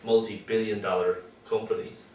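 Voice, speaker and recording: Animated man co-host in a roomy space. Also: on the low side, normal speed. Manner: animated, mimics voices in asides. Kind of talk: joking tech news chat. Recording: roomy, distant mic, faint hiss.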